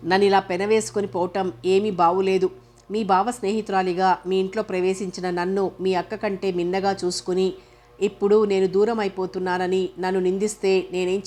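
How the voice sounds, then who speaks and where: A woman voicing a sorrowful, resigned young woman in a spoken novel, grave and measured. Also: mid-range voice, a little mellow, close to an everyday voice.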